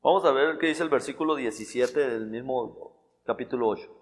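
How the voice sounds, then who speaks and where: A man's voice: mid-range voice, moderate pace. A man preaching a sermon in a church hall, in a conversational style full of restarts and repeated words.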